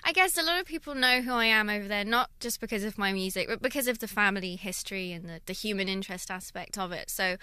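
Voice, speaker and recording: A young woman from London with a London accent, chatting in a radio interview, thoughtful and quick to laugh. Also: medium pitch, bright, forceful tone, smooth, no echo. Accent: London English. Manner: friendly, laughs often, thoughtful. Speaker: guest violinist. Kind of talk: casual interview chat.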